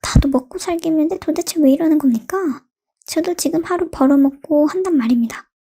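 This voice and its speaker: A poor young taffy seller man, tearful and pleading, played by a woman reading aloud in a storybook. His voice stays high and mellow as he complains about his troubles. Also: brisk.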